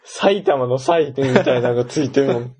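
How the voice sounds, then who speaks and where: A man's voice: mid-range voice, moderate pace, a little mellow, breathy edge. A young man with a Kansai accent, co-hosting a casual chat and reading listener mail aloud with frequent laughter. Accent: Kansai Japanese. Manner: reads listener messages aloud, laughs often, teasing.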